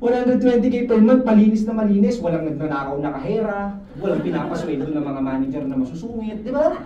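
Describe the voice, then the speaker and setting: A man giving a lively, joking motivational talk to his insurance sales team, often asking the room questions. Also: high-pitched, fast, lo-fi sound. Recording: echoey room, mic at a distance, faint noise.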